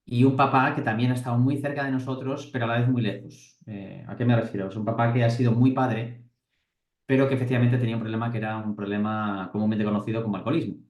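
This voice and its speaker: A man's voice: mid-range voice, steady tone, quick pace, reverberant, muffled recording. A man in his forties from Madrid, with a Spanish accent from Madrid, telling his life story as an interview guest, reflective, with frequent hesitations and restarts. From Spain. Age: 40s. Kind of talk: personal storytelling.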